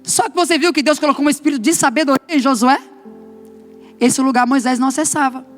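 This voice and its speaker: Fast-talking high-voiced Brazilian pastor. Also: male voice, soft background music. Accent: Brazilian Portuguese. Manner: lively storytelling, acting out dialogue. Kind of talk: testimony sermon.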